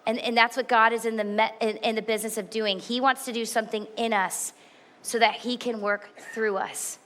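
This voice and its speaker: A woman's voice: on the high side, flat delivery, normal speed, a bit bright. A woman in her forties preaching a sermon, earnest and candid, with emphatic repetition. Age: 40s. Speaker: pastor.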